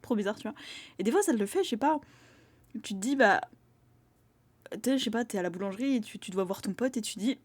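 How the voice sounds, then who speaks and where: A woman's voice: mid-range voice, animated, a little fast, pauses often, a little mellow, dry recording. A young woman musing aloud in a casual, rambling monologue, full of fillers and acted-out quotes of other people. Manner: rambling, filler-heavy, acts out quoted voices.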